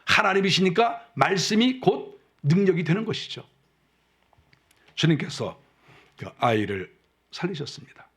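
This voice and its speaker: A male pastor preaching a sermon in a conversational way, full of rhetorical questions, and dropping his voice low and soft when he acts out quoted speech. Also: very animated, unhurried, pauses often, husky. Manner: acts out quotes softly and lower.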